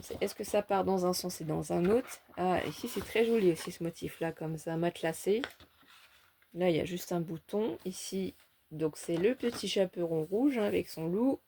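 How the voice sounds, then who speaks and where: A woman's voice: on the low side, normal speed, creaky, warm tone, a little hiss or hum. A woman chatting through a scrapbooking haul, cheerful and enthusiastic as she shows each page. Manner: chatty, enthusiastic, fond of little words like "petite" and "hein". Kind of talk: casual show-and-tell haul.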